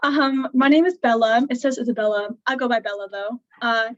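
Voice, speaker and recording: A woman's voice: fairly high pitch, fairly even intonation, brisk, no room sound. A young woman choir student from Michigan, introducing herself briefly and casually on a video call. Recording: dull, dry call audio.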